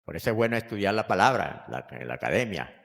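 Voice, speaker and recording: Older guy pastor preaching in church, gets loud then goes soft and storytelling, long echo off the hall. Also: sits low, very animated, fast, gravelly. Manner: preaching with swings between loud emphatic lines and quiet storytelling. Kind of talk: sermon.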